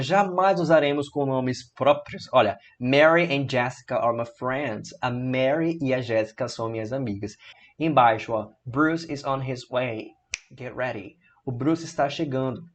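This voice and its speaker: Speaking at a medium pitch, a man with a Brazilian Portuguese accent leads an online English grammar lesson. He explains every rule step by step, slowly reads the English examples, and checks in often with "tá?" and "né?".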